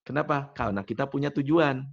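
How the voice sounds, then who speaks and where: Gravelly male workshop trainer, chatty. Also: mid-range voice, fast. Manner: chatty, personal stories, asks the group questions. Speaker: NLP trainer. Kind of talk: workshop teaching. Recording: dull lo-fi sound.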